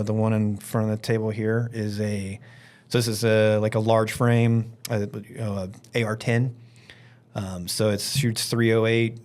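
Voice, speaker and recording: A man's voice: fairly low pitch, a little mellow. A man from Alabama talking casually as a podcast guest, rambling informally and leaning on filler words like "like" and "you know". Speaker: firearms instructor and event organiser, interview guest.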